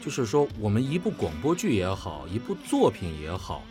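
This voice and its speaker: With a lowish voice, wildly swooping pitch, and a brisk pace, a male voice actor and drama director chats on a panel, stressing his points sincerely as background music plays.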